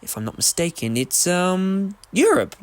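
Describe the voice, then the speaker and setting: Man playing the Doctor, wildly swooping pitch. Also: wildly swooping pitch, a little slow, clean tone, exaggerated voice. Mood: jaunty. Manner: jaunty, theatrical, musing. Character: whimsical, breezy male time-travelling adventurer. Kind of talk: fan audio drama acting.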